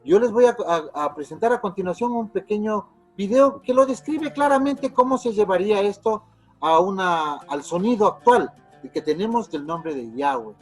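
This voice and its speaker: A high-voiced man with a husky tone gives a lecture on religious history. He talks, explaining step by step with frequent fillers and false starts. Faint music plays underneath. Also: animated, moderate pace. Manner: explanatory, with many fillers and restarts. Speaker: religious teacher.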